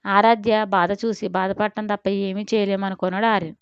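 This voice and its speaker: A woman storyteller reading an audio story in a steady, expressive way. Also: medium pitch, normal speed, vocal fry, clear, resonant tone, dry recording, muffled recording. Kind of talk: scripted audio-story narration.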